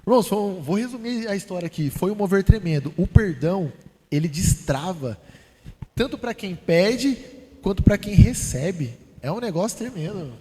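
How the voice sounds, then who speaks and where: Man, high and mellow, giving a testimony in a church with long reverb. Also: moderate pace, husky. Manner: lively storyteller, addresses listeners as brothers. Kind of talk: personal testimony in a church podcast. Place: church hall.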